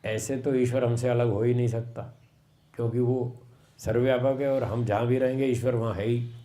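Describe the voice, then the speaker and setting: A man giving a sermon on scripture, slow and explanatory, repeating phrases for emphasis. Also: mid-range voice, fairly even intonation, mellow. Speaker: swami giving a Vedic discourse.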